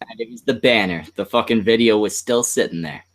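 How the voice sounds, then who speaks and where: A man's voice: fairly low pitch, fairly quick. A man hosting a stream, telling a long crude story in rambling casual chat. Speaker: stream host.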